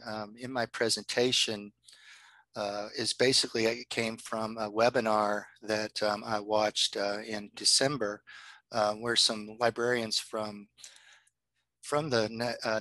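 Male librarian, lecture over a video call, bright tone, dry close sound. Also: lowish voice, dry recording, low-quality recording. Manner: friendly, chatty, many ums and uhs. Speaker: librarian presenting a workshop. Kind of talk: online workshop presentation. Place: home office.

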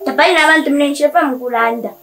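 A woman's voice: high-pitched, fast talker, a bit bright. A woman acting in an amateur film, giving orders and instructions.

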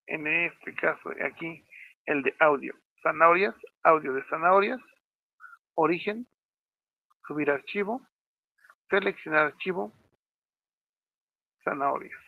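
A man's voice: on the high side, unhurried, creaky, long pauses, no room sound. A man teaching a step-by-step screencast programming lesson with a Mexican Spanish accent, checking in often with his students. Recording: tinny phone-like audio, dry.

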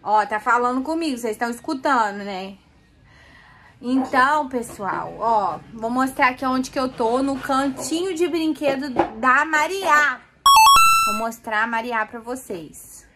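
A woman's voice: high voice, lively intonation, unhurried, bright, forceful tone, slight background noise. A woman with a Brazilian accent hosting a casual home vlog from a toy corner indoors, playfully coaxing a toddler and talking to her viewers. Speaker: family vlogger host.

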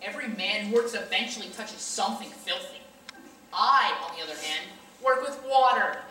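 A woman acting a brash male con man who stages fake drownings, pitching with pushy salesman patter on a school stage. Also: normal speed, pushed and bright, slight background noise, close to an everyday voice. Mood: huffy. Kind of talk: high school stage play. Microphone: far camera. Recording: echoey hall from far off.

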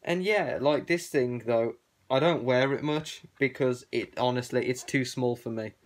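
A man's voice: mid-range voice, measured pace. A young man talking through a balaclava, casually rambling with lots of hesitation as he shows off his collection. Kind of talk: casual show-and-tell vlog.

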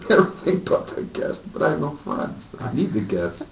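A man with a lively pitch and a wisecracking, sardonic manner reads a newspaper aloud at a normal speed and offers casual comic commentary as host of a homemade comedic news show. He is in a small, plain indoor room, and a distant camera microphone makes the audio echoey and muffled.

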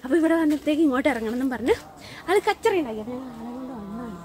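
High-voiced mother vlogging outdoors. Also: lively intonation, rapid-fire, darkish tone. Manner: coaxing baby talk mixed with chatty narration. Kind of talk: casual vlog narration. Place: outdoors in a cardamom plantation. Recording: noisy outdoor ambience.

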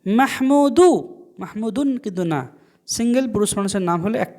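A man with a high voice teaches an Arabic language lesson. He says each Arabic phrase slowly and clearly, then translates it and explains the grammar. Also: lively intonation, a little mellow.

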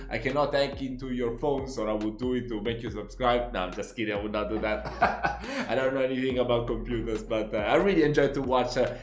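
A young man with an Italian accent, hosting a reaction video, excitable and quick to laugh. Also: medium pitch. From Italy. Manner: excitable, swears and laughs often. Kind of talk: casual reaction commentary. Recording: roomy echo with faint music.

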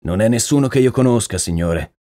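A man's voice: lowish voice, expressive, a little fast, mellow, dry recording, studio quality, lightly acted. A man voicing an uneasy, deferential horse trainer. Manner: storytelling, plainspoken, deferential. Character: earnest male horse trainer, uneasy and talkative. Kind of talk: audiobook character reading.

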